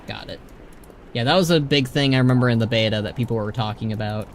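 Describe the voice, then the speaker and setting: A man's voice: mid-range voice, fast talker, noisy background. A man hosting a game livestream, chatting casually and commenting as he plays. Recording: faint music behind.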